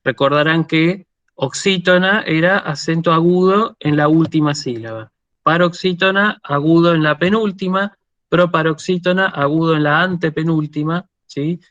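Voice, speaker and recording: Patient Argentine lecturer with a dry sound. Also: male voice, on the high side, a bit bright, no echo, highs cut off. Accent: Argentine Spanish. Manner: patient, explanatory, keeps checking understanding. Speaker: university lecturer. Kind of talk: online lecture.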